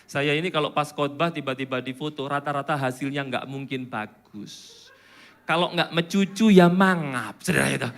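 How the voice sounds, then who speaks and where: A pastor preaching in church, joking and chatting with the congregation between points. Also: male voice, mid-range voice, normal speed, a bit bright. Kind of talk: sermon.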